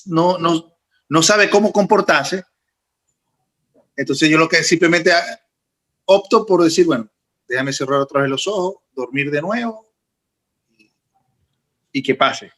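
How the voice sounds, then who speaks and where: Animated man telling a spooky story. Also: on the high side, measured pace, pauses often. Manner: animated, recounting with rising intensity. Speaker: podcast co-host. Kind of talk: casual storytelling.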